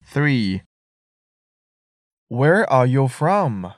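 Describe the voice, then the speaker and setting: A man reading English listening-test items clearly and deliberately, repeating each sentence. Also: medium pitch, very animated, no echo, clean studio sound.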